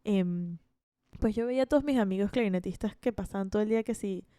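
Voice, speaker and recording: A woman's voice: medium pitch, quick pace, warm tone, smooth, no room sound, studio quality. A woman in her twenties with a Venezuelan accent, hosting a podcast in a chatty, self-deprecating monologue full of restarts. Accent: Venezuelan Spanish. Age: 20s. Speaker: podcast host. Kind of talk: casual monologue.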